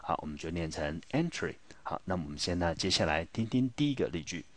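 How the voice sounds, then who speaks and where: A man's voice: low-pitched, expressive, fast, a bit bright. A male teacher with a Taiwanese Mandarin accent, patiently explaining English vocabulary in a classroom lesson and asking his students rhetorical questions. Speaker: high school English teacher.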